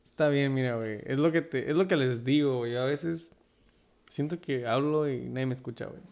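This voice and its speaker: A man with a Mexican Chicano accent and a fry-edged, gravelly voice talks casual league banter. He speaks at a middle pitch, peppers his talk with slang, and slips into English phrases. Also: brisk, a little mellow, a little hiss or hum. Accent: Mexican Spanish with Chicano flavor. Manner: slangy, code-switches into English. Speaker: sports league podcast co-host.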